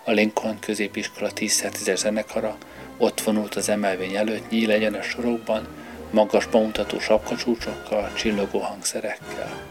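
A man narrating a story as an audiobook reader, in a measured storytelling manner, with music underneath. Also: fairly low pitch. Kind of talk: scripted narration.

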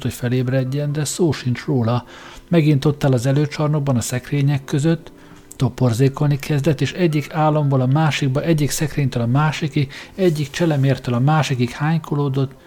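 A man reading a story aloud in a steady, even way as an audiobook narrator. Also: medium pitch.

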